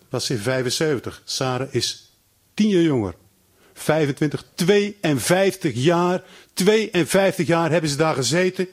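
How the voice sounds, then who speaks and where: A man preaching a sermon, retelling a scripture story with lively acted-out voices and frequent stammered restarts. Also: medium pitch.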